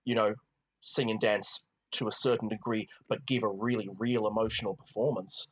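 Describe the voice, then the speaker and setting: A man's voice: fairly low pitch, fairly even intonation, moderate pace, low-quality recording. Rambling male film podcast co-host. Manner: rambling, many restarts and "you know". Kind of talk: casual film review chat.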